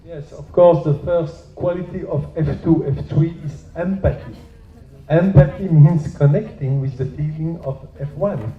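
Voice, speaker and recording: A man's voice: on the high side, a little slow. A man speaking as an expert panelist, stressing and repeating his key points. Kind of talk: panel discussion. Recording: echoey room, dull lo-fi sound.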